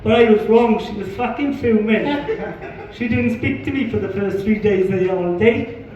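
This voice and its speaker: Doing stand-up in a pub, this Welsh comic keeps his material punchy, sweary and self-deprecating. He has a high-pitched, darkish voice at a moderate pace, picked up by a distant, muffled mic in an echoey room.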